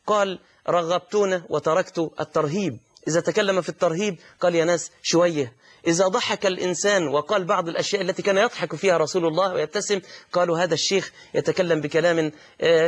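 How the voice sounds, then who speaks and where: A man preaching a sermon with an Egyptian Arabic accent. He recites verse slowly and with emphasis and mixes in colloquial asides. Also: high voice.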